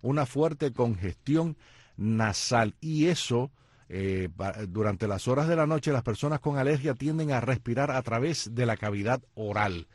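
A man's voice: medium pitch, lively intonation, unhurried, dry recording. A man, co-hosting a casual chat and explaining things with jokes. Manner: joking, explanatory. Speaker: co-host.

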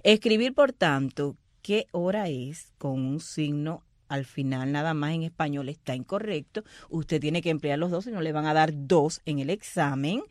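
A woman co-hosting a casual talk show, explaining punctuation in a lively way and acting out example phrases. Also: low-pitched, moderate pace, hardly any pauses, no room sound, studio quality. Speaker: co-host explaining Spanish grammar. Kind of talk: casual radio chat.

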